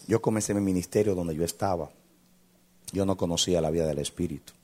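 Dramatic male preacher, deep husky voice, shouts then hushes. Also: quick pace. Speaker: pastor. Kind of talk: sermon storytelling.

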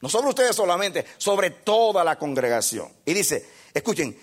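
A male pastor preaching a sermon with impassioned delivery, swinging from hushed passages to shouting. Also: high-pitched, big pitch swings, normal speed.

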